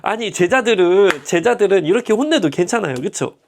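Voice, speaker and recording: A man's voice: sits high, lively intonation, a little fast, slight background noise. A male pastor teaching a Bible class in a chatty, humorous way, often checking in with tag questions.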